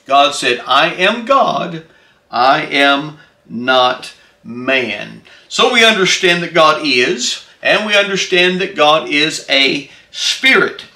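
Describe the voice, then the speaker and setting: A man preaching a Bible study sermon, halting over frequent filler sounds and repeated phrases, then making emphatic declarations. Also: fairly high pitch, bright, forceful tone. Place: church. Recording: echoey room.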